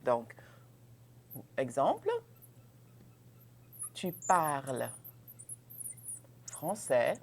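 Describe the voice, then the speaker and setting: Low-voiced woman teaching French grammar slowly. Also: expressive, gravelly, a little mellow. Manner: explains in English, models French phrases with exaggerated rising intonation; checks in often with "ok?", laughs lightly. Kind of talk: bilingual classroom grammar lesson.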